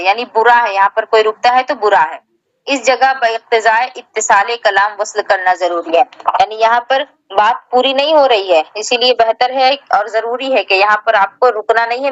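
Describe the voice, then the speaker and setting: A woman's voice: on the high side, a bit bright, dry recording, lo-fi sound. A woman teacher giving a religious lesson, patiently explaining each term and restating it in simpler words. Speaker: Islamic teacher.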